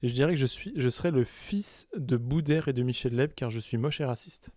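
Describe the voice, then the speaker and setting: A man's voice: mid-range voice, a little fast, dark tone, no room sound. A young man co-hosting a podcast in a casual, teasing chat, asking playful questions. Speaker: podcast co-host.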